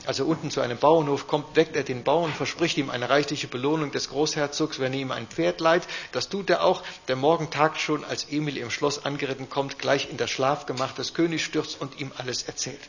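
A man reading a children's fairy tale aloud in a lively, expressive way. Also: medium pitch, brisk, gravelly, hardly any pauses. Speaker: storyteller. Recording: dull lo-fi recording.

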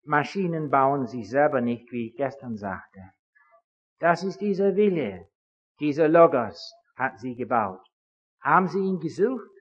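A man with a husky, fairly high voice that swings widely in pitch gives a religious lecture to an audience. He tells his stories in an animated way and acts out each side of the dialogue. The recording is dull and lo-fi, with a long echo from a big hall. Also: a little slow. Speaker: speaker addressing an audience.

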